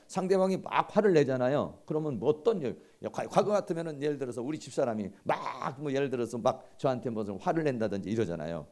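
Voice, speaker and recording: A middle-aged man giving a seminary lecture in a conversational, animated way, acting out everyday quarrels. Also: on the high side.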